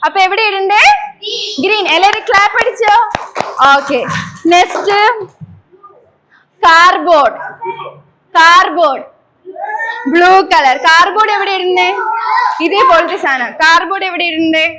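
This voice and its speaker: A woman leading young schoolchildren through an environment day class, coaxing them with repeated questions. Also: extremely high pitch. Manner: leads a slow, loud group pledge. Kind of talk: classroom talk to young children. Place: school gathering with children. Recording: noisy school room recording.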